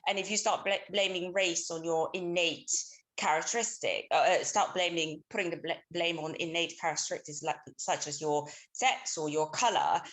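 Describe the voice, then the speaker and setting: A woman in her thirties, from Somalia, speaks over a remote call with a low voice. She talks hesitantly, with many ums and restarts, as she puts her points to a book talk. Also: fairly even intonation, moderate pace, fairly bright tone. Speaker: audience caller. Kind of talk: casual remote question.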